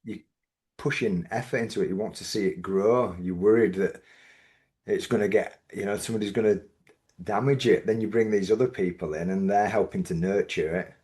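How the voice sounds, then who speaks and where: Thoughtful and measured, this Yorkshire business owner often restarts his sentences while reflecting in a podcast interview. His low voice stays steady, with a slightly mellow quality.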